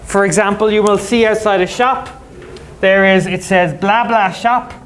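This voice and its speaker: A male English teacher in a school classroom, explaining words to students with quick, jokey everyday examples. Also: high-pitched, steady tone, fairly bright tone, a little hiss or hum.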